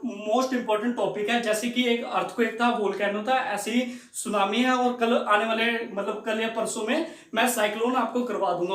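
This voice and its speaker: A man's voice: high-pitched, a bit bright. A man giving an exam-prep lecture to camera, asking and answering his own questions to drill each point, emphatic and promising. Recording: echoey room.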